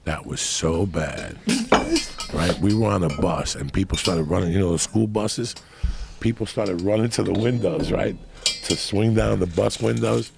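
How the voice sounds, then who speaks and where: A man telling a profane, animated story as a podcast guest, laughing as he goes. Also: lowish voice, measured pace, gravelly, heavy background noise. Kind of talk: casual storytelling.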